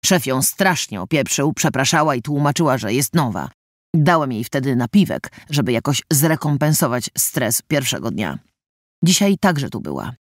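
Expressive male audiobook narrator. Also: mid-range voice, moderate pace, no echo, studio quality. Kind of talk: first-person audiobook narration.

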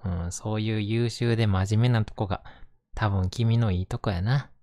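Kansai guy doing cozy asmr bedtime talk, gentle n reassuring, close mic, super dry sound. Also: fairly low pitch, steady tone, normal speed, no echo. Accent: Kansai Japanese. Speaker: host reading bedtime picture books to listener.

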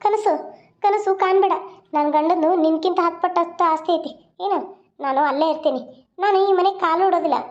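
A woman voices a defiant young married daughter in a cartoon, boastful and scolding toward her father. The voice is very high and thin. The audio is dull and lo-fi. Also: brisk, soft background music. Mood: scornful.

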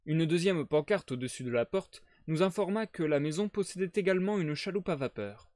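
A man reading a novel aloud on a live stream, narrating steadily and clearly. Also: fairly high pitch, animated, brisk, darkish tone, dry recording, clean studio sound. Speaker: reader.

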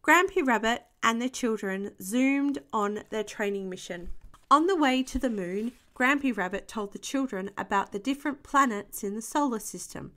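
Storybook reader: woman, slightly high voice, animated read-aloud for kids. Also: moderate pace. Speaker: podcast host reading a picture book. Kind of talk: reading a children's picture book aloud.

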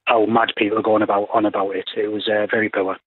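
A man in his twenties, a student calling into a radio discussion, earnest and deadpan as he complains indignantly. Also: lowish voice, quick pace, dry recording. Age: 20s. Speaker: student caller. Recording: tinny phone line.

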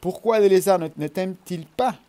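Man putting on a raised, eager young snake voice, restless and stubborn, for a storybook, dark tone underneath. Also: high voice, pitched above the performer's own voice, close to an everyday voice. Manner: eager, quick and insistent. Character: young bright-yellow python, restless and stubborn.

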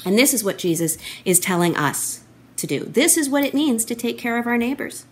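A middle-aged woman telling a children's story for a church, expressive and animated, recorded on a laptop webcam at home. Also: a little high, fairly quick, husky. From Canada. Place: wood-panelled room at home, indoors. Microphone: laptop webcam, close framing.

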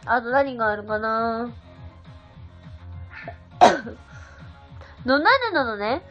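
A young woman with a slightly high voice and lively intonation draws out her words as she chats casually on a livestream. She giggles while responding to viewer comments, and the stream sound is dull and lo-fi with faint music.

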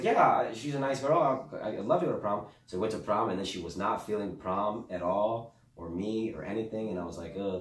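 A young man telling a rambling comic story in casual chat, deadpan with loud bursts. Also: low-pitched. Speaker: guest comedian. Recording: roomy sound from a distant mic.

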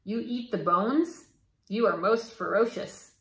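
A woman reading aloud and voicing a hard-of-hearing servant girl who shouts in coarse country speech, in a roomy echo. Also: mid-range voice, slow pace. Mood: shouting.

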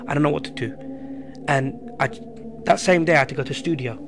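A man, telling a personal story in casual podcast chat, animated and full of slang. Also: fairly high pitch, fairly quick, noisy background. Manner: animated, slangy, repeats himself. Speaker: podcast guest. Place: small room with a poster wall. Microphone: studio mic on a stand.

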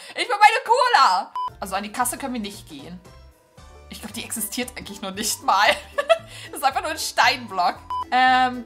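A woman hosting a let's-play gaming video, talking excitedly to her viewers in a chatty, casual way as she plays. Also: fairly high pitch.

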